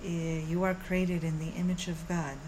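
A woman who teaches meditation guides a mindfulness practice in a soothing, gentle way, with measured pauses, like a calm yoga teacher. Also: lowish voice, background noise. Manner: unhurried, measured, with long pauses.

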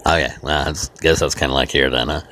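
A man's voice: a bass voice, steady tone, fast talker, sharp tone, a little hiss or hum. A man hosting a casual talk show, talking in a rambling way with many false starts. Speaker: host. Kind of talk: casual chat.

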